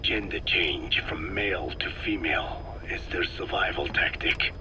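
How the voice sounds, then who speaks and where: In this video game clip, a male actor voices a frail old scientist explaining his work, measured and grave. His low voice is a weak, breathy rasp, slow, deliberate and precise, patient in its exposition, and the background is noisy.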